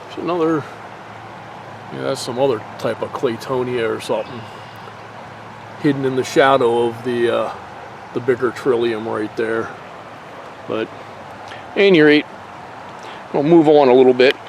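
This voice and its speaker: A man talks his way through a hike in the woods in a loose, rambling manner, with plenty of fillers and the occasional curse. His voice sits at an ordinary middle pitch. It is captured on a handheld camera outdoors, with a faint hiss of open air and flowing water behind him. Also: unhurried, gravelly, pauses often, poor audio. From Pennsylvania. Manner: relaxed and rambling, with frequent fillers and mild swearing. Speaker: nature vlogger. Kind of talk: casual hiking narration.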